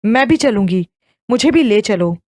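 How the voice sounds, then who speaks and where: A woman's voice: fairly high pitch, expressive, darkish tone, no echo. A woman voicing a distraught young wife who frantically pleads and asks questions in an audio novel. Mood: pleading.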